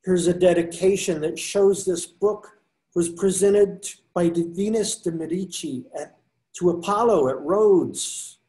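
In an amateur readers theater session over video call, an older man reads the part of a pious, book-loving friar, earnest and pleading. His voice sits high with a dark tone and slow pace, picked up roughly by a webcam.

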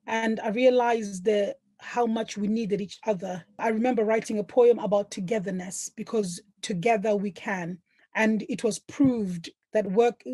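A woman social worker giving an earnest, measured personal testimony on a webcam call. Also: medium pitch, warm tone, breathy edge. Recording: music bed under voice.

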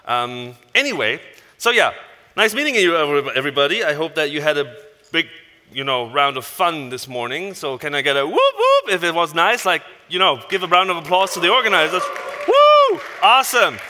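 This thirties-aged conference speaker, a native German with a German accent, jokes his way through a casual tech talk on a large hall stage, swearing offhandedly and staying animated. He talks fairly quickly in a slightly high voice. His headset mic picks up plenty of large-hall reverb.

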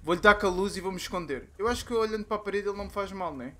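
A young man with a European Portuguese accent, commentating a horror game, muttering to himself and bursting into shouts. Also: sits high, racing. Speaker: gaming youtuber.

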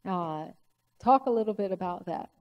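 A woman presenting at a conference, guiding the story in a lively way with many fillers. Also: medium pitch, normal speed, muffled recording. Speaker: co-presenter and moderator. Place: lecture hall. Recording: hall reverb.

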